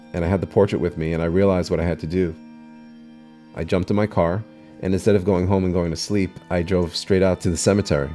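A man's voice: low voice, warm tone. A man telling a personal family story in an earnest, emotional way during an interview.

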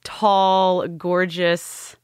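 Woman, from California, talk show guest, low voice, dry close sound, candid, chatty. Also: flat delivery, extremely slow, darkish tone, smooth, dry recording. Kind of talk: casual storytelling.

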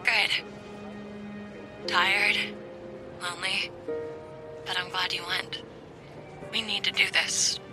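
A drowsy, affectionate young woman, as a male narrator puts her on, talking low and almost in a whisper. She speaks slowly and gently over music. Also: flat delivery. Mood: tender. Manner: soft, hushed and tender. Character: sleepy, loving young woman on the phone. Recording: background music.

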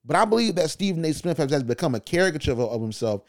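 Animated male podcast host. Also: a little high, rapid-fire, no room sound, studio quality. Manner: animated, conversational, loose slang. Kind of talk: casual opinion commentary.

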